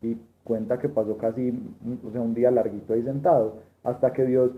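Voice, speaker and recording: A man's voice: mid-range voice, steady tone, fairly quick. A man, telling a testimony story in a Bible study class, rambling with restarts and quoted dialogue. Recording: tinny lo-fi room recording with faint noise.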